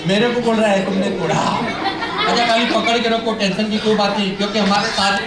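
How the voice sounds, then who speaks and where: A man working as a children's party magician, giving playful, teasing live show patter, coaxing children with questions and repeated instructions, projecting loudly to the room. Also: sits high, level tone, fairly quick. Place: large echoey indoor party hall. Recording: echoey hall from afar, loud party crowd noise.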